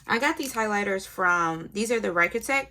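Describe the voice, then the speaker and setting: A young woman planner vlogger chats casually while filling out her budget planner, thinking aloud and muttering numbers. Her medium-pitched voice is bright and forceful, with lively intonation at a normal speed.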